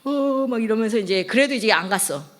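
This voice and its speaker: A middle-aged woman, a pastor's wife, preaching a sermon through a lively personal story and acting out the voices she quotes. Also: a little high, brisk. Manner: lively, acts out quoted voices, laughs often.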